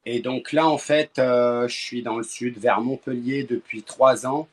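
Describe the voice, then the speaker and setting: A man from France hosting a live stream, chatting casually with callers and cracking deadpan jokes. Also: mid-range voice, measured pace.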